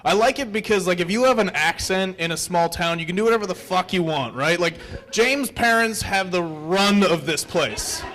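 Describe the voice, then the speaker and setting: High-voiced profane comedian. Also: male voice, animated, normal speed, a bit bright, a little hiss or hum. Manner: rambling, profane, self-deprecating. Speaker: stand-up comedian. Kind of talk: stand-up comedy set. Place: comedy club stage.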